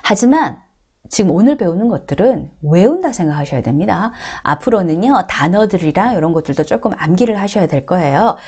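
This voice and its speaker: A middle-aged woman teaching beginner English grammar with a Korean accent, drilling words slowly and coaxing her viewers. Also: fairly low pitch, animated, a little mellow, slightly rough. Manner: addresses viewers often, coaxing and encouraging.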